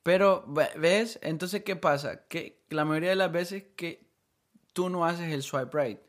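A man's voice: fairly high pitch, measured pace. Male podcast host, chatty and joking, loose rambling delivery. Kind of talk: casual chat.

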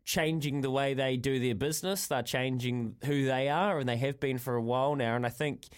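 A man's voice: mid-range voice, steady tone, moderate pace, clear, resonant tone. A man with a New Zealand accent hosting conversational sports talk on the radio. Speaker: radio host.

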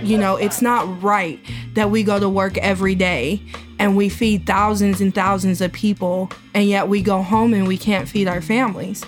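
Midwestern woman, mid pitch, earnest heartfelt interview voice, soft music bed underneath. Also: little pitch movement, normal speed. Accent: Midwestern American. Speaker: labor organizer, former fast-food worker. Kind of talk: interview storytelling.

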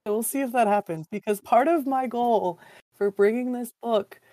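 A woman co-hosting a podcast, hoarse from a cold, talking about books in an enthusiastic, rambling way. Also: fairly high pitch, moderate pace, warm tone, no echo. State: hoarse, getting over a cold. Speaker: podcast co-host. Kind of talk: casual book discussion.

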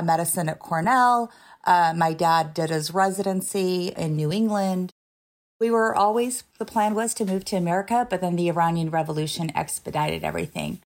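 A middle-aged woman from Iran, a former government official, speaking earnestly as a podcast guest. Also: fairly low pitch. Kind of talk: interview conversation.

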